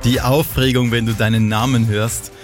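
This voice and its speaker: A man hosting a radio morning show in a studio, chatting in a lively, sing-song way. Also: mid-range voice, moderate pace. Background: music bed.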